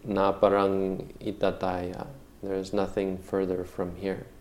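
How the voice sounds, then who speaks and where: A man teaching meditation, answering questions in a calm, measured way, often saying "you know". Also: deep voice, slight background noise. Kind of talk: answering questions in a dharma talk.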